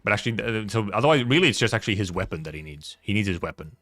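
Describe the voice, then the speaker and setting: This streamer's voice is on the low side, expressive and a bit bright, and he talks at a racing speed. He rambles casually about his game, hesitating and repeating words as he thinks aloud. The recording is dry, with faint game music.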